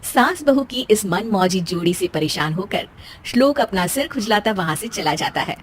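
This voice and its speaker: A woman's voice: mid-range voice, lively intonation, moderate pace, a little hiss or hum. A woman storyteller reading scripted narration for a family tale.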